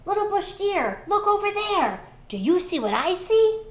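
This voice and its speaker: Woman playing sly, insistent trickster spider, very animated. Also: very high voice, unhurried, reverberant, pitched above the performer's own voice, full character voice. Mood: excited. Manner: eager, insistent, exclamatory. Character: sly, greedy, short-tempered male trickster spider Anansi.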